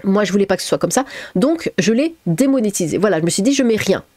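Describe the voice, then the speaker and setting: Woman YouTuber, casual comment reading, hesitant with fillers, wry tone, warm dark voice, dry close sound. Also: mid-range voice, animated, quick pace, no echo. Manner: hesitant, many fillers and restarts, amused sarcastic emphasis.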